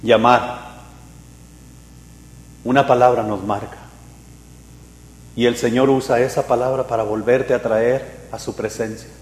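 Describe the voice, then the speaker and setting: A man, a pastor preaching a sermon, animated and swinging between loud and hushed. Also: medium pitch, moderate pace. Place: church hall. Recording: echoey hall reverb.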